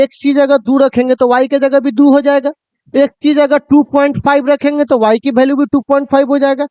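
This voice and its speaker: A man gives a physics lecture to students in a very high-pitched voice. He keeps asking his class a question and then answering it himself. The recording is dry and slightly dull. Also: a little mellow, clear, resonant tone, no echo. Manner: addresses students fondly, asks and answers his own questions. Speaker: physics teacher.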